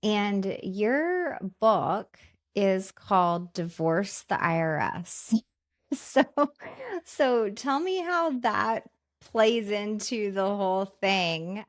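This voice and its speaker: A woman's voice: medium pitch, animated, very slow, no echo, studio quality. A woman hosting a podcast, asking questions in a casual, enthusiastic, affirming way. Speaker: podcast host. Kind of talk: casual interview.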